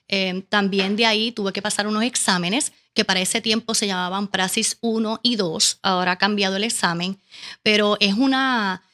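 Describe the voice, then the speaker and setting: A woman's voice: mid-range voice, bright, forceful tone. A woman with a Caribbean Spanish accent telling a personal story casually as an interview guest, animatedly acting out her own questions and remarks. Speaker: interview guest, teacher and educational consultant.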